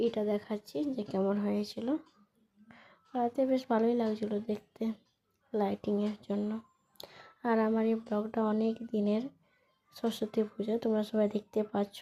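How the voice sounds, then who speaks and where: A woman vlogging casually to her viewers, her voice hoarse from a cold. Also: medium pitch, dark tone. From Bengal. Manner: chatty, talks to viewers as friends. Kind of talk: casual vlog narration. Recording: noisy background.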